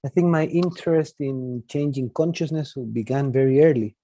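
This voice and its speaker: A man's voice: mid-range voice, moderate pace, mellow. A man in his forties from Chile with a Chilean accent, a native Spanish speaker, giving an informal talk and often tagging sentences with a questioning "no?". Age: 40s. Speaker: guest speaker.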